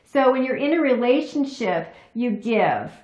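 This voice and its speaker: A woman's voice: fairly high pitch, lively intonation, unhurried, a little mellow, roomy sound. A woman hosting a relationship advice talk, speaking earnestly and often asking "right?" to check in with the viewer. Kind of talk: casual advice talk to camera.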